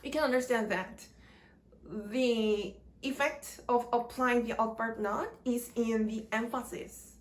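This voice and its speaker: A woman teaching English grammar in a slow lecture, speaking in short, deliberate chunks. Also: a little high, steady tone.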